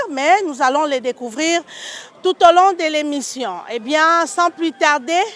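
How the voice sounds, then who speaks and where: High-pitched, slow-spoken Congolese woman host. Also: a bit bright. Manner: mixes French with Lingala. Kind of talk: talk show interview.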